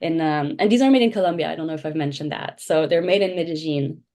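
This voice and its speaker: Chatty woman founder, lowish voice. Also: quick pace, mellow. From Belgium. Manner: chatty, explains with many restarts. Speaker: brand founder, guest. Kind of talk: casual podcast interview.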